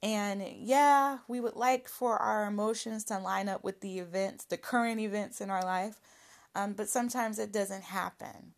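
Young adult woman, candid solo monologue, frank, animated, quick to laugh and curse. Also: medium pitch, vocal fry. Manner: frank and animated, laughing often, swearing freely.

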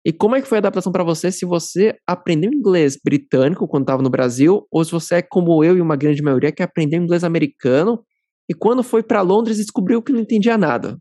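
Fast-talking man hosting a podcast. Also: high-pitched, dark tone, dry recording, studio quality. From Brazil. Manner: fast, talkative, friendly. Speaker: podcast host. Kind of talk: casual interview chat.

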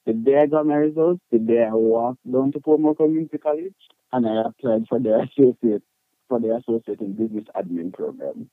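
A man with a Jamaican accent tells personal stories at a fairly quick pace in a medium-pitched voice. As an interview guest he's candid, emphatic and colloquial, captured in a dry, phone-quality recording.

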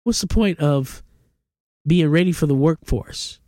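A congested man in his forties hosts a solo podcast, offering opinionated, emphatic commentary that rises to exclamations. His voice is on the high side with a darkish tone, his pace is measured, and the studio-quality recording is dry.

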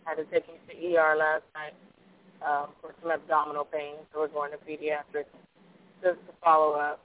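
A woman's voice: low-pitched, monotone, brisk. A woman calling in to a prayer line on her car speakerphone while driving, asking for prayer and talking with a few hesitant fillers. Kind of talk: casual phone request. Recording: tinny phone line, distant from mic.

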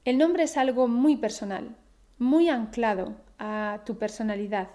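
Woman teacher, slow deliberate podcast delivery, mellow tone, careful clear diction. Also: on the high side. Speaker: Spanish teacher. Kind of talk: podcast lesson.

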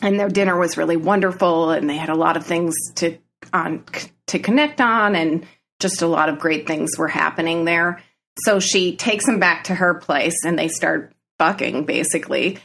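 A woman co-hosting a podcast, telling a story in a casual, animated way and laughing often. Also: on the low side, moderate pace, vocal fry. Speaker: podcast co-host. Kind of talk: casual chat.

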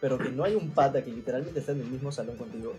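A man's voice: mid-range voice, rapid-fire, dark tone, faint music behind. A young man chatting casually with friends, laughing often and retelling stories. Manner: laughs often, tells stories with acted quotes. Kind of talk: casual chat.

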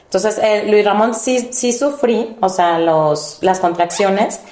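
A woman's voice: mid-range voice, slow, a little mellow. Matter-of-fact woman, echoey room. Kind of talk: casual group chat.

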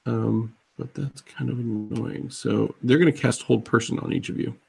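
A man's voice: mid-range voice, steady tone, normal speed, vocal fry, husky. A man running a tabletop fantasy game as game master, casual and playful with chuckling asides.

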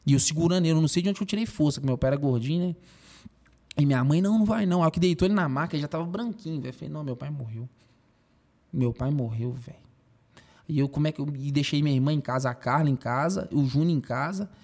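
A young man, a podcast guest telling a personal story in an emotional, animated way with lots of slang fillers. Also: a little high.

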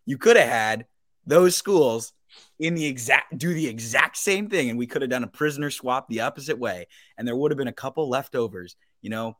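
A man's voice: mid-range voice, a bit bright, no room sound, clean studio sound. A man co-hosting a sports podcast, jokingly formal as he argues his side like a lawyer before a judge. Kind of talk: playful mock courtroom argument.

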